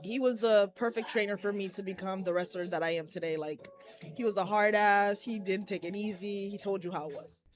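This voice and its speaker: Young woman wrestler from haiti, chatty and candid, easy laugh, mid pitch. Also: brisk. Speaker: professional wrestler, guest. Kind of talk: casual interview. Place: collectibles shop, indoors.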